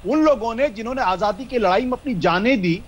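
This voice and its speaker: Very high-voiced man asking rhetorical questions. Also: animated, a little fast, muffled recording. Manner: rhetorical, fires pointed questions. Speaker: debate panelist. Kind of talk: heated political debate.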